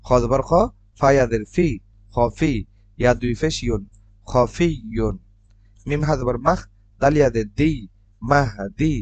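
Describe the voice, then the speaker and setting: A man's voice: mid-range voice, no room sound, dull audio. Man patiently spelling Arabic syllables. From Bangladesh. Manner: spells out letters and vowel marks, then blends syllables slowly. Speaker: Quran reading teacher. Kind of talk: step-by-step recitation lesson.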